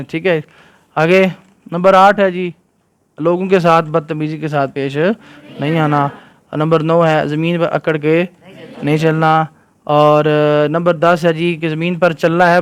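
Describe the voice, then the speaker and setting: A man's voice: on the high side, clean tone. A man giving a religious lesson to children, reciting verses in Arabic and often asking his listeners whether they follow. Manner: keeps quizzing listeners with "right?". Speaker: Islamic scholar teaching children.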